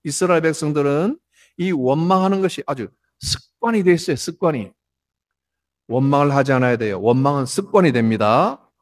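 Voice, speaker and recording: A man's voice: fairly high pitch, brisk. A Korean man preaching a sermon as pastor, acting out complaining voices in his examples. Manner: animated, acts out complaining voices. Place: church.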